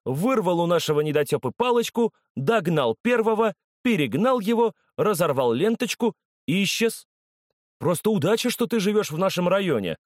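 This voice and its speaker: A loud, excitable old fan with a cane, as a male narrator puts him on. He exclaims and tells the tale with a voice raised in pitch and full of swings. The recording is close and dry, with no room sound. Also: moderate pace, no room sound. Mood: excited. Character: stout older man with a cane, excitable sports fan.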